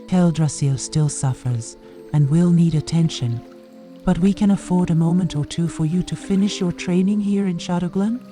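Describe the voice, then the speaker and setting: A man playing a wise, kindly night elf druid mentor with formal, measured speech in a fantasy game. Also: high-pitched, mellow, lightly acted. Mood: grave, kindly. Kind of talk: scripted fantasy game dialogue. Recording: music behind the voice.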